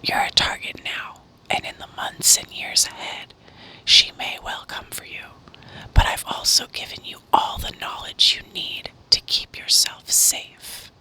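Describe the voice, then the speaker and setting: A woman narrating horror stories in a breathy ASMR whisper, reading deliberately with pauses. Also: pushed and bright, rough recording.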